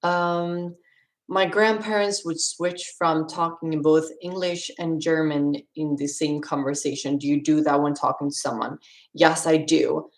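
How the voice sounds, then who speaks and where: A young Swedish woman with a low voice chats on a stream and answers viewer questions in a relaxed, rambling way, laughing now and then. She speaks in a Swedish accent at an unhurried pace. Her voice rings a little in an echoey room. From Sweden. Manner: chatty, rambling, laughs often. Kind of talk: casual live-stream Q&A.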